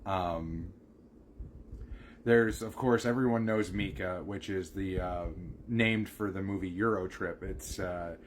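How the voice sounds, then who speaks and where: A man with a fairly low voice chatting casually on a live stream. He rambles, filling his pauses with lots of ums, while a faint hum of background noise runs under everything.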